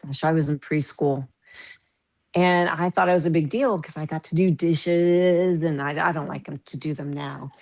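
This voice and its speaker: Low-voiced woman telling stories. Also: normal speed. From US Midwest. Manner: animated, laughs through her stories. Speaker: podcast guest. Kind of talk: casual storytelling.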